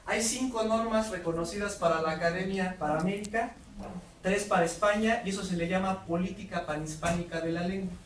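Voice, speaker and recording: Man, lecturing teachers, high voice, distant mic in an echoey hall. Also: brisk. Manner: lively, asks the audience questions. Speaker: workshop lecturer. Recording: roomy hall audio from far off, faint noise.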